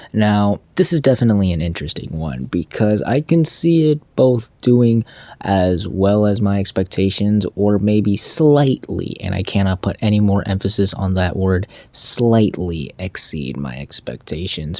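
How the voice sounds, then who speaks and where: A man's voice: deep voice, mellow, no room sound. A man hosting casual box office commentary, talking with enthusiasm and frequent stammers and restarts.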